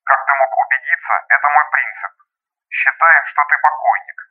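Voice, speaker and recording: A man's voice: medium pitch, fairly quick. A man reading an audiobook, voicing a cold, hard young man who threatens revenge over a telephone line. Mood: menacing. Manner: icy and menacing. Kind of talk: audiobook character voice. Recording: tinny phone line.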